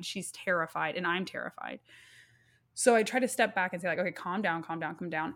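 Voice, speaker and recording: A woman in her thirties, a guest speaking earnestly and haltingly as she recounts a personal loss. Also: fairly low pitch, a bit bright. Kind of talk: emotional personal storytelling.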